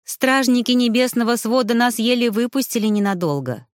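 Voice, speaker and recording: A woman's voice: a little high, moderate pace, no room sound, studio quality, voice pushed up, lightly acted. A woman voicing a flirtatious ghostly noblewoman in a storybook, airy and exclamatory. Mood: teasing.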